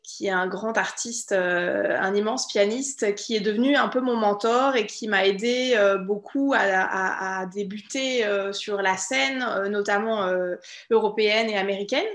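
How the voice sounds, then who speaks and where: A woman's voice: mid-range voice, a little slow. A French woman in her thirties, a concert pianist, speaking thoughtfully in a remote interview, with many hesitations and restarts. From France. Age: 30s. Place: room at home with bookshelves. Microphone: video call. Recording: echoey room over music.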